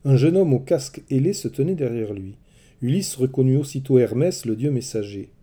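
A man telling a mythology story in scripted, expressive narration. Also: medium pitch, a little fast.

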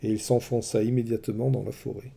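A man telling a mythology story in scripted, expressive narration. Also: mid-range voice, quick pace, gravelly, husky.

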